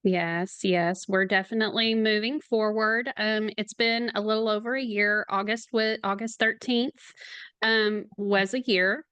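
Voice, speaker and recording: A middle-aged woman, a podcast guest, speaking in a slow, halting, emotional way, near tears at times. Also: medium pitch, steady tone, fairly bright tone, smooth, dry recording. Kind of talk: podcast interview.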